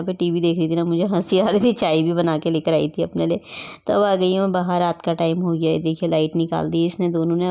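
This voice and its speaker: A woman's voice: fairly low pitch, dark tone. A middle-aged woman narrating her daily routine in a casual vlog voice-over, chatty and rambling with many fillers and restarts. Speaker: vlogger.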